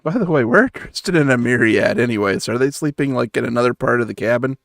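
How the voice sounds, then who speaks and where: A man's voice: medium pitch, fast, gravelly, fairly bright tone, dry recording. A man running a tabletop game as game master, narrating scenes and calling for rolls in a laid-back way over an online voice call.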